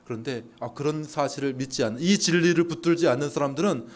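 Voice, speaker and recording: A man's voice: on the high side, fast talker. A male pastor preaching a Sunday sermon, telling stories and acting out voices of patients and doubters. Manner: animated preaching, acts out patients and doubters in raised voice.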